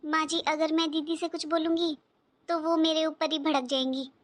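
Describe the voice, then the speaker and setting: A woman's voice: high voice, little pitch movement, moderate pace, lightly acted. A woman voicing a dutiful young daughter-in-law in a cartoon who speaks politely and hesitantly. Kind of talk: cartoon voice acting.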